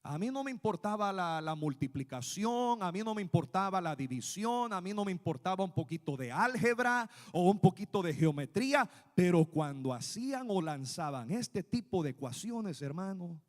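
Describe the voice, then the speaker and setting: A man from Guatemala preaches from the pulpit in an animated, direct way, calling his listeners brother. His voice sits high for a man, and long reverb trails after it in the church hall. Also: moderate pace, hardly any pauses. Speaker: pastor. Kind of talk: sermon. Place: church sanctuary.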